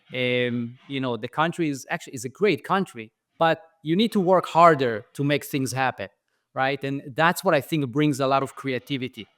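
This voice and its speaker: With a mid-range, fairly bright voice in echo-free studio quality, a middle-aged man speaks with an Israeli accent. As a guest on a podcast interview, this franchise founder shares his story in a thoughtful way, frequently filling gaps and restarting.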